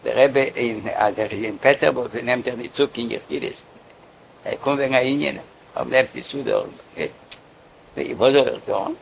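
A man telling a story casually, in a halting way, often repeating words. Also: mid-range voice, gravelly, slight background noise, low-quality recording.

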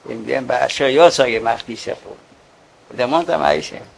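A man telling a story casually, in a halting way, often repeating words. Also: medium pitch, gravelly, a little hiss or hum, poor audio.

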